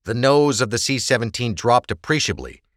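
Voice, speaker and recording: A man's voice: medium pitch, lively intonation, moderate pace, dry recording. A man narrating an audiobook with a dramatic, varied delivery on a close microphone.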